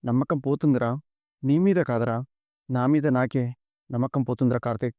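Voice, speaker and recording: A man's voice: mid-range voice, steady tone, brisk, mellow, dry recording, lo-fi sound, close to an everyday voice. A man reading as a heartbroken old grandfather. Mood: sorrowful. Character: worried elderly grandfather, weary and heartbroken.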